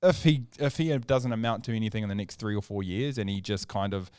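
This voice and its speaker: Opinionated low-voiced podcast man. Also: fairly quick, darkish tone, clear, resonant tone, no room sound. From New Zealand. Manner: opinionated, emphatic, argues points with rising energy. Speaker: podcast co-host. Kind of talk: casual sports chat.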